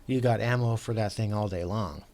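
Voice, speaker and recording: A man hosting a tabletop game session, patiently explaining the rules to his opponent in a halting, rambling way full of fillers and restarts. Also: fairly low pitch, darkish tone. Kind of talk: casual tabletop game chat.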